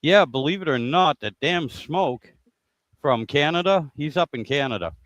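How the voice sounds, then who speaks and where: A man's voice: on the high side, animated, moderate pace, fairly bright tone, no room sound, muffled recording. A man from the United States hosting a casual livestream, rambling with many fillers and restarts about a repair job. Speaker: livestream host. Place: home shed workshop.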